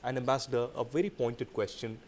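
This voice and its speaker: A man's voice: mid-range voice, fairly even intonation, brisk, slight background noise. A man hosting a formal news interview, putting long, pointed questions with an emphatic build-up. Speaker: news interviewer, show host.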